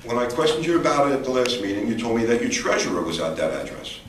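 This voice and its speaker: A man's voice: mid-range voice, fast talker. A man at a town meeting presses an official with questions. He starts and restarts often but keeps pushing politely. His mid-range voice comes from far off in a roomy, echoing hall with faint noise behind it. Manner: hesitant, full of fillers and restarts, politely persistent. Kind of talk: public meeting exchange. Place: large echoey public meeting hall. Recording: echoey hall, distant mic, faint room noise.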